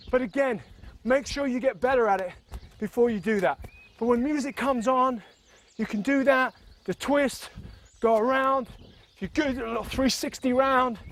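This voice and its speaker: A man leading a fitness video, talking energetically and a little out of breath as he bounces and demonstrates moves. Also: very high voice. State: slightly out of breath while exercising. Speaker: fitness instructor.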